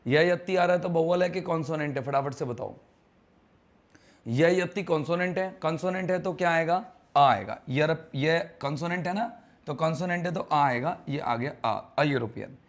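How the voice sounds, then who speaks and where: A man runs a live online English grammar class. His voice sits a little high, and he talks in a chatty, teasing way while quizzing his students on their answers. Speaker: teacher.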